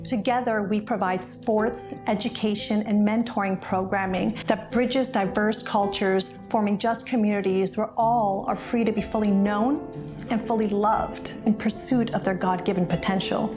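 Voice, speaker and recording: A woman reading a documentary voice-over in a measured, formal way. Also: medium pitch, fairly even intonation, music in the background.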